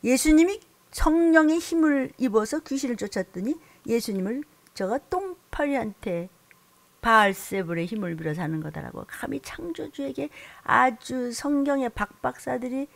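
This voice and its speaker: A woman delivers a sermon in a somewhat high, gravelly voice. She lurches from loud, scolding declarations down to hushed whispers and back again. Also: expressive, a little slow. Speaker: pastor.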